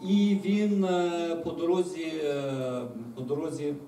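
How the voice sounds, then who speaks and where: A children's author reading his book aloud to children in a meeting room, in a lively, expressive storytelling way. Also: a little high, measured pace, a little hiss or hum. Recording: echoey room, mic far off.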